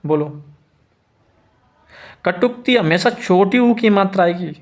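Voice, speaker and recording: A man teaching a Hindi spelling lesson who repeats each word slowly and keeps checking that his students follow. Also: sits high.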